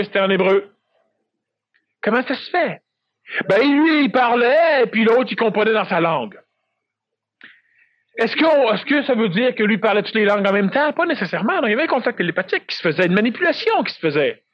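Recorded dry and lo-fi with a dull sound and no room ambience, this man with a high voice lectures publicly in a Québécois French accent. He presses his points hard, says things more than once, and peppers listeners with rhetorical questions.

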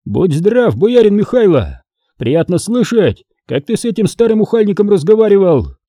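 A male narrator voicing a boastful, gruff former outlaw who shouts down nobles and rouses peasants in an audiobook. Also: high voice, sing-song, normal speed, dry recording, clean studio sound, pitched above the performer's own voice. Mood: blustering. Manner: blustering, shouting and mocking.

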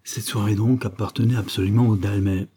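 A man reading a novel aloud as audiobook narrator, measured and expressive. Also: lowish voice, breathy edge. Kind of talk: scripted narration.

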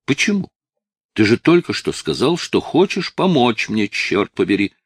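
A man voicing a desperate, tearful eighteen-year-old male addict who shouts and pleads with his father, in a dry, close recording. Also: medium pitch, very animated, moderate pace, breathy edge, no echo. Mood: agitated.

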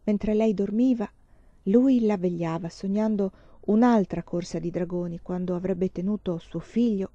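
Woman reading a novel aloud, calm and measured, dull dry lo-fi sound. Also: mid-range voice, dry recording. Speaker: audiobook reader. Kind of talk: literary audiobook narration.

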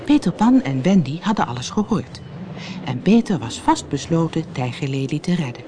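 Dutch storyteller reading a kids fairy tale, super animated up-and-down voice, faint hiss in the background. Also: mid-range voice, moderate pace. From Netherlands. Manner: expressive, lively storytelling. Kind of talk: audiobook fairy tale narration.

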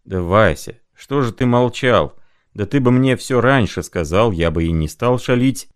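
A man's voice: medium pitch, expressive, unhurried, clean tone, no room sound, clean studio sound, lightly acted. A man voicing an exclaiming, sensitive young clerk. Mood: reproachful.

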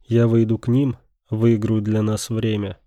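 A man doing a stern, resolved father in an audiobook thriller. He speaks slowly and seriously, in a low, mellow, fairly flat voice with no hurry at all. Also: no echo, dull audio, natural voice. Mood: grave. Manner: serious, measured. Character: determined older man, father, calm.

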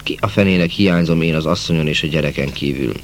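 A jolly young peasant soldier, acted by a man reading a storybook chatters away in a folksy voice. His tone lifts above the reader's deep everyday voice. A faint hiss sits behind it. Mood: cheerful. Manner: lively, folksy, talkative.

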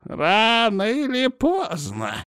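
Old healer guy, furious and bitter, swings all over the place pitch-wise, slow and drawn out, a man putting him on. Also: sing-song, gravelly, no echo, studio quality, heavily acted. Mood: grumbling. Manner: shouting, strained and drawn-out.

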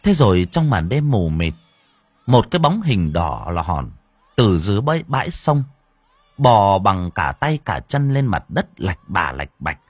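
A man narrating a story slowly and dramatically, letting his voice swell at tense moments. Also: sits low, sing-song, husky, dry recording. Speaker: audiobook narrator. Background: faint background music.

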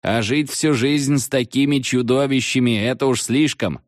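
A man voicing a seventh-grade schoolboy who shouts urgently down a payphone. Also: mid-range voice, no room sound, clean studio sound, voice pushed up, lightly acted. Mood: brash. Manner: loud, urgent, hurried shouting. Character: excitable schoolboy on a payphone, about thirteen.

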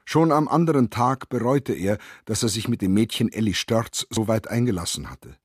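A man narrating a radio drama in a measured, grave manner, with a husky voice. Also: fairly low pitch, no room sound, studio quality.

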